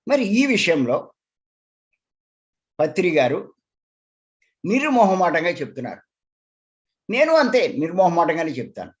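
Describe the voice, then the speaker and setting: A man, a meditation teacher, explaining earnestly and emphatically to his followers in a spiritual talk, repeating points to drive them home. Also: on the high side. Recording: dull lo-fi recording.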